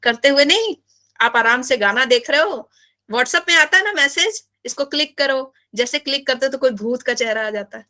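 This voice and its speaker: A woman teaching biology in a live class, animated and playful, often asking her students questions. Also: sits high, normal speed.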